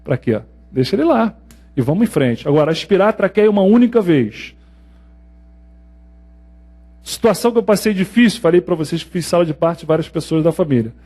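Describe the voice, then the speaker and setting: Lively Brazilian man teaching medicine. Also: high voice, a little fast, long pauses. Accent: Brazilian Portuguese. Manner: lively storytelling, acts out scenes. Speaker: pediatrics lecturer. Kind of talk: exam prep medical lecture.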